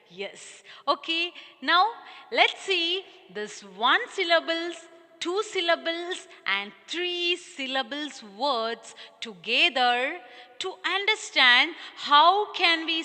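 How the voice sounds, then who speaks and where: A woman, teaching young children a recorded lesson and slowly sounding out words syllable by syllable. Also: high voice, bright, forceful tone, in a large hall. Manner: slow, deliberate, spelling out syllables and calling listeners "dears". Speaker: primary school English teacher.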